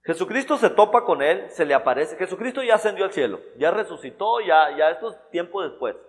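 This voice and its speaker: A man's voice: high-pitched, sing-song, fairly quick. Man preaching in a reverberant church. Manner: conversational preaching with many restarts and repeated words. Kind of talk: sermon. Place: church hall.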